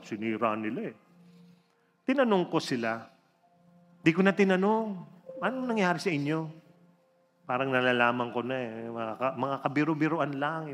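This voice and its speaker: A man, a religion teacher, telling a true story to an audience in an animated, theatrical way. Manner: animated, theatrical storytelling with big swings in pitch and loudness. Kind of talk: inspirational storytelling talk. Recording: reverberant hall with faint background music.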